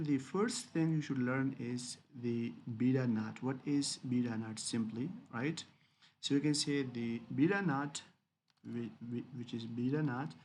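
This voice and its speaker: A man's voice: mid-range voice, creaky, a little hiss or hum. A man lecturing business students on regression, often repeating "dear students" and "okay?" and stressing key terms as he explains. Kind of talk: recorded lecture with screen demo.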